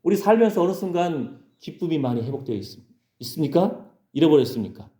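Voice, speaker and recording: Pastor guy preaching, keeps asking the crowd "right?", bit high voice, mellow, echoey church. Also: lively intonation, fairly quick. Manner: conversational preaching, prompting the congregation with "예?". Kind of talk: sermon. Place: church sanctuary.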